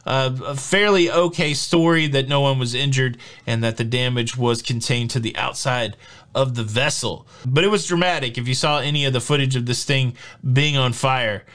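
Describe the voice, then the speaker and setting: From his home studio, where shelves hold collectibles, a man in his forties hosts a casual news vlog. His mid-range voice has a fairly bright tone and moderate pace, and his delivery is chatty, upbeat, and jokey with many fillers.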